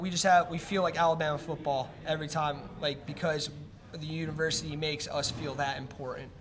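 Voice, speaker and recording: Young player, flat voice, at a press table. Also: male voice, fairly high pitch. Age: young adult. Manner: casual, fills with "like". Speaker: college lacrosse player. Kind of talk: postgame press conference. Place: press room in front of a curtain. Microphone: table mic on a stand.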